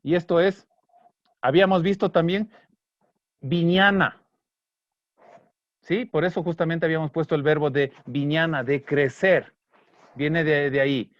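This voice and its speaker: A man teaching an online Kichwa language class, patiently breaking down song lyrics and slowly repeating words. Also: on the high side, steady tone, no room sound. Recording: dry, slightly dull online class audio.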